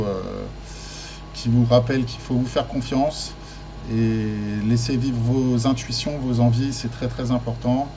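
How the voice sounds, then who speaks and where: A man's voice: mid-range voice, warm tone. Guy doing a tarot reading, lots of euh and restarts, pep-talk vibe, noisy hiss behind. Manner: hesitant, many fillers and restarts, encouraging. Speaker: tarot card reader. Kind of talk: casual spoken guidance.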